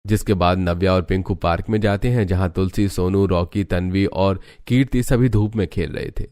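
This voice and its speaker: A man narrates a cartoon moral story in a steady, matter-of-fact tone. His voice is low and recorded dry and close. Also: moderate pace, dry recording.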